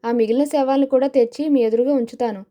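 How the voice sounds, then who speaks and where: A woman's voice: high voice, steady tone, fast, mellow, close to an everyday voice. A woman voicing a brave, indignant young man. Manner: indignant, defensive retorts.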